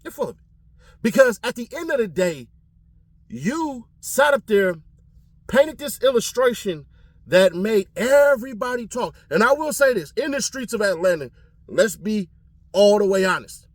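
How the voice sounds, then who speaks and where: A man from California giving casual commentary on his channel, animated and slangy, often laughing. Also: sits high, moderate pace, dry recording. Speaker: commentary vlogger.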